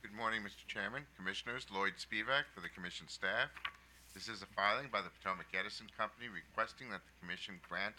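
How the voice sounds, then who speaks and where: Male staff counsel, low and very bright, formal scripted briefing, faint noise behind. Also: poor audio. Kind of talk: formal prepared presentation to a commission.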